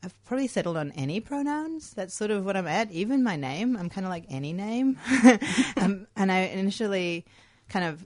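A woman's voice: medium pitch, lively intonation, a little fast, few pauses, a little mellow. An Australian woman co-hosting a casual radio chat, reflective and hesitant with many fillers, often breaking into laughter. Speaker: radio co-host. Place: radio studio.

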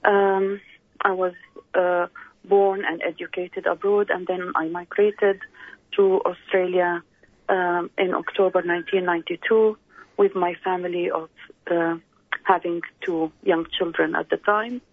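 An older woman from the Palestinian diaspora, a candidate speaking slowly and haltingly in a radio interview over the phone. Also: on the low side, flat delivery, no echo. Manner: slow, halting, many pauses and fillers. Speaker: political candidate guest. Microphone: phone call. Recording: tinny phone line.

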